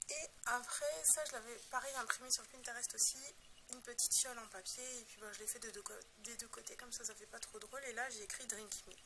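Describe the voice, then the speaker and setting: A woman's voice: fairly high pitch, background noise. A young woman casually showing her scrapbook album, talking in a rambling, hesitant way with many fillers and self-deprecating asides. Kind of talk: casual show-and-tell narration.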